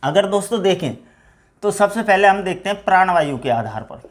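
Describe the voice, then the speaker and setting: A man's voice: sits high, expressive, fairly quick. Man teaching, answering his own questions. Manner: asks rhetorical questions and answers them himself; keeps calling the students friends. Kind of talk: exam-prep Hindi grammar lecture.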